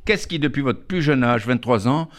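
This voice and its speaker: In a radio studio, a male interview show host reads out a long, formal introduction of his guest with some hesitations. His mid-range voice has lively intonation at a moderate pace.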